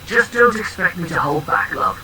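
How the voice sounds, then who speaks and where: A man's voice: sits high, sing-song, moderate pace, pushed and bright, a little hiss or hum, full character voice, rough recording. Synthetic male voice as a smug flirty sparring man. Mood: smug teasing. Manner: teasing, calls the listener love and darling. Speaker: AI chat character. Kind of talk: text-to-speech role-play narration.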